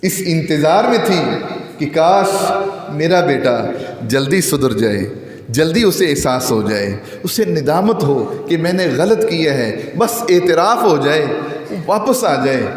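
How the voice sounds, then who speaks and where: A man giving a Friday sermon with great passion, his voice swinging widely in pitch and slowing down to recite scripture. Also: lively intonation. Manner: impassioned, with wide swings in pitch. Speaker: preacher. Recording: echoey hall with long reverb.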